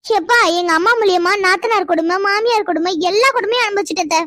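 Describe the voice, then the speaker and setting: A spirited young village woman who protests at everything, voiced by a woman very high-pitched and rapid. She talks back fast and indignantly. Dry, close cartoon dub. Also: a bit bright, no room sound. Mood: complaining. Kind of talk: cartoon voice acting.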